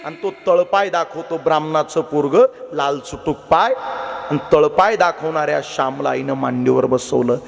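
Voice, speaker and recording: A man's voice: a little high, moderate pace, gravelly. A man preaching a devotional kirtan sermon, telling a story, repeatedly urging his listeners to listen and acting out the characters' voices. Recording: long reverberant hall.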